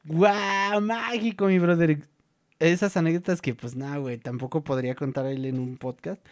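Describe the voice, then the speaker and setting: A man's voice: on the high side, moderate pace. Slangy Mexican man telling wrestling stories. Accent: Mexican Spanish. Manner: slangy, joking, animated storytelling. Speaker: vlog host. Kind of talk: casual chat with friends.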